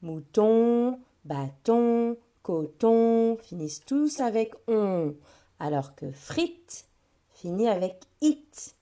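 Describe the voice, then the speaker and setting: A woman giving a phonics lesson to a child, saying each word slowly and clearly and speaking to the listener directly. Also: mid-range voice, big pitch swings, mellow. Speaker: teacher.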